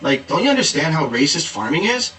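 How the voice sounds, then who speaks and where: A man's voice: on the high side, sing-song, fairly quick, bright, forceful tone, reverberant, recorded from a distance, slight background noise, poor audio. A man playing a preachy, exasperated activist who says "like" and "duh" all the time, in a sarcastic comedy monologue. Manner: valley-speak with constant "like" and "duh", sarcastic. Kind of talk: satirical character monologue.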